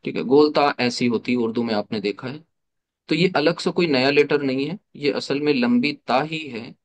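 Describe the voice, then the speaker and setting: A man's voice: mid-range voice, normal speed. A man teaching an online class, explaining step by step, asking rhetorical questions and mixing English terms into his explanations. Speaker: Arabic teacher.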